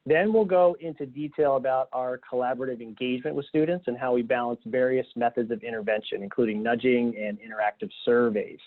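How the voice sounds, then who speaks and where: A man's voice: medium pitch, fairly quick, hardly any pauses. Man hosting a webinar over a tinny line. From Philadelphia, Pennsylvania. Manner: relaxed, upbeat, laughs easily. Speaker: webinar host. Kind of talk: hosting a video-call webinar. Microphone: video call. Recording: tinny phone-like call audio.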